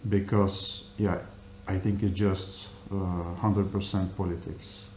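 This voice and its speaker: A man giving spontaneous interview answers in halting English, searching for words. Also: low-pitched, flat delivery, a little mellow. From Russia. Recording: echoey room with faint noise.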